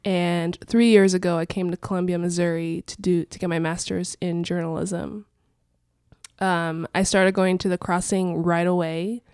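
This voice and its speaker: A woman's voice: on the low side, level tone, normal speed, darkish tone, clear, resonant tone, no room sound, studio quality. A young woman from Angola and Portugal, introducing herself conversationally as a guest, her voice congested by a cold. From born in Angola, grew up in Portugal. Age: young adult. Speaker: podcast guest, worship singer.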